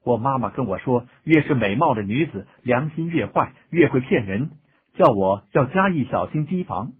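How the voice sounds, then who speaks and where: A man reading as an earnest, gentle young man. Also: mid-range voice, lively intonation, normal speed, slightly rough. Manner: sincere and gentle. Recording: tinny phone-like audio.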